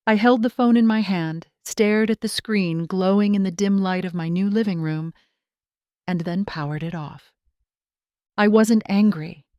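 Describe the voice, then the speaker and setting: Female storyteller, steady and reflective, reading in the first person with a dry sound. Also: medium pitch, no room sound. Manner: measured, calm, reflective. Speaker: narrator.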